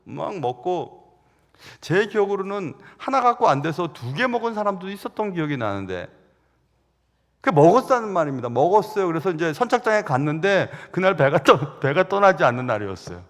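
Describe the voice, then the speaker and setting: A middle-aged man preaching a Sunday sermon, telling stories with sudden loud rises and soft drops. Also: high-pitched, very animated, fairly quick, big-room sound. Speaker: pastor. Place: large church sanctuary.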